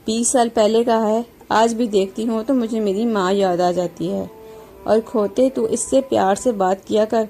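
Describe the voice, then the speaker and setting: Motherly older mother-in-law, warm and gently scolding, storybook reading, by a woman narrator, soft music behind. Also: mid-range voice, close to an everyday voice. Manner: affectionate, mildly scolding.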